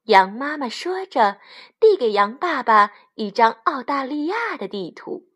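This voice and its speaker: A woman tells a children's story in a gentle, unhurried way. Her voice sits somewhat high, and she takes her time over every line, like a calm bedtime reading.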